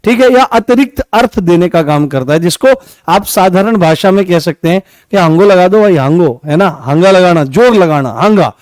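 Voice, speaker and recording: A man's voice: sits high, lively intonation, moderate pace, darkish tone, no echo, clean studio sound. A man teaching an online grammar class, repeating key words and asking and answering his own questions.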